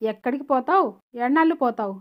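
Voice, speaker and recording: A woman's voice: sits high, expressive, moderate pace, highs cut off. A woman reading an audiobook, voicing a worried, caring elder sister who questions urgently. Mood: pleading.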